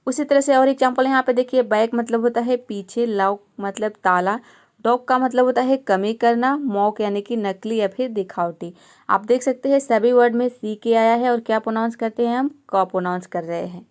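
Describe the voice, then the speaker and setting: Patient woman teacher going over pronunciation rules one by one, kinda high voice. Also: normal speed, smooth. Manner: patient, explains each letter and asks rhetorical questions. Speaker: English teacher. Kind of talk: step-by-step pronunciation lesson.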